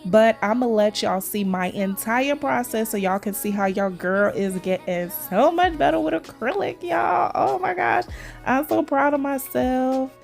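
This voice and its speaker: A woman from Trinidad does a casual, chatty voice-over for her nail video, constantly calling viewers "y'all." Her voice, on the high side and unhurried, is creaky and still a little scratchy as it recovers from a sore throat, with a slight tickle, while faint music plays behind.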